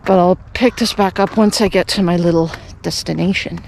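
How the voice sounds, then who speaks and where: A man's voice: high-pitched, fairly even intonation, fairly quick, vocal fry, a little mellow, a little hiss or hum. Rambling man vlogging outdoors. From Canada. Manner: rambling, chatty, many fillers and restarts. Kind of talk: casual walking vlog narration. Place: outdoors, walking around a rural cemetery.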